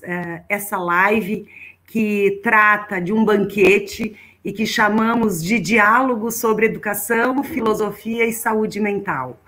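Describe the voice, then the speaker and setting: A woman's voice: mid-range voice, fairly bright tone, poor audio. A woman moderating a live online panel, giving a formal welcome with hesitant fillers over a video call.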